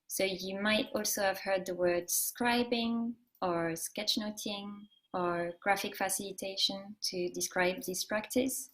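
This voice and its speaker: A woman in her thirties from France with a strong French accent, giving a measured presentation about her work as a speaker. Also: medium pitch, poor audio. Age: 30s. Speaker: guest speaker, live illustrator. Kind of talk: presentation talk. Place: remote call from home.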